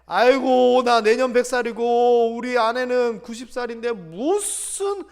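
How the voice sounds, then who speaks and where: A man's voice: extremely high pitch, measured pace, vocal fry, full character voice. A man voicing the very old man Abraham, incredulous and laughing off what he hears. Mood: scoffing. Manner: exasperated, laughing dismissively. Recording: echoey church hall.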